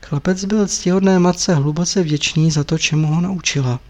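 A man narrating a story as an audiobook reader in a measured, even way. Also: on the high side.

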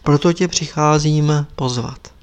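Man voicing a kindly fussing woman, eager, chattering, a bit higher, storybook. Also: smooth, close to an everyday voice. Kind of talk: audiobook character reading.

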